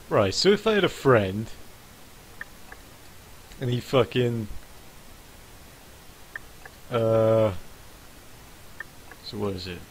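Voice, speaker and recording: A man's voice: medium pitch, a little hiss or hum, rough recording. A man commentating a game he's playing, swearing constantly and rambling through his thoughts. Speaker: gaming YouTuber. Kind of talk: let's play commentary.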